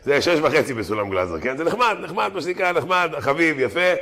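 A man teaching a weekly religious lesson in an animated, slangy way that mixes learned phrases with street talk. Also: on the high side. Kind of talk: religious lesson mixed with jokes.

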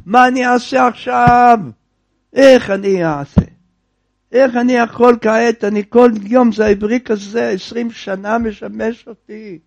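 A man's voice: a little high, fairly even intonation, gravelly, a little mellow. A man voicing a distraught old man who pleads at length in a folk tale. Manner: wailing, then pleading at length. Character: distraught old man mourning his broken jug.

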